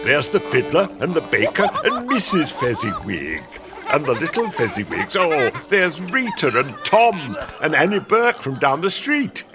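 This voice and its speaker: A man's voice: fairly high pitch, sing-song, a little slow. An actor playing Ebenezer Scrooge, an old miser moved by his past, in an emotional, theatrical radio play style. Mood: delighted. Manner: wistful, emotional, exclaiming. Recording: music behind the voice.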